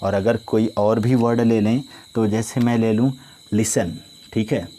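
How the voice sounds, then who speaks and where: A male teacher giving a grammar lesson, dictating definitions slowly and often asking if students follow. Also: fairly low pitch, fairly even intonation, dark tone, slight background noise. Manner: slow, repetitive dictation with frequent "ठीक है ना?" check-ins.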